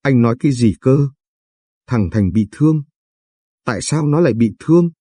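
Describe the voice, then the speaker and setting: A man voicing a fierce, sharp-tongued grandmother in an audio story, scolding and protective. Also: mid-range voice, lively intonation, a little slow, husky, no room sound. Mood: alarmed. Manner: scolding, hissing.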